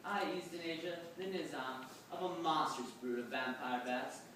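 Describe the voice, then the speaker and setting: Someone playing a bright-voiced Pied Piper, echoing from afar. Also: medium pitch, moderate pace, natural voice. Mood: boastful, formal. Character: Pied Piper, tall mysterious boastful wandering male musician. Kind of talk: readers theatre verse recital. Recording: distant, very echoey room, faint noise.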